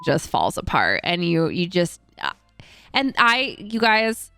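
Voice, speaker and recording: A woman's voice: takes it slowly, vocal fry, faint music behind. Chatty young woman telling a story. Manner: rambling, animated storytelling with frequent fillers; acts out quoted voices in a higher pitch. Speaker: streamer and co-host. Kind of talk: casual chat.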